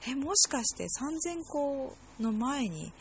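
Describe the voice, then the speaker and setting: A woman's voice: sits high, very animated, slow pace, slight background noise. A woman hosting a casual solo podcast, rambling with many fillers and self-corrections. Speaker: podcast host.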